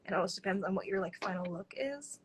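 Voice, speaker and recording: A woman's voice: medium pitch, lively intonation, fast, background noise. A young woman chatting casually as she does makeup on a live stream, saying "like" a lot and laughing easily. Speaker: makeup artist. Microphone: phone on a live stream.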